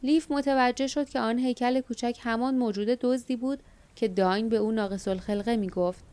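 Smooth-voiced woman reading an audiobook. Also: fairly high pitch. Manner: measured, steady reading. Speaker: audiobook narrator. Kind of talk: scripted narration.

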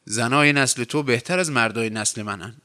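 A man's voice: mid-range voice, pushed and bright, close to an everyday voice. A man reading aloud voices an idle, sardonic young man of twenty-eight with a mocking, detached way of talking.

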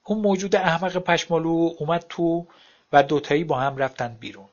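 A man narrating a story aloud in a wry, plain storytelling manner. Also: on the high side. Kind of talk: audiobook narration. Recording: dull lo-fi recording.

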